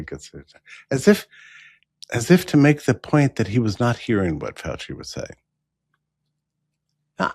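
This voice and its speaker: Low husky man musing aloud. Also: a little mellow, no echo, studio quality. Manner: musing, questioning, incredulous retelling. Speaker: show host. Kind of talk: commentary on past events.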